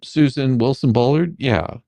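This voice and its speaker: A dramatic reader voices a bumbling, sarcastic attorney asking questions in a comedic deposition reading, delivering it in a halting, theatrical way. The voice sits at medium pitch, gravelly with a warm tone, and the recording is dry.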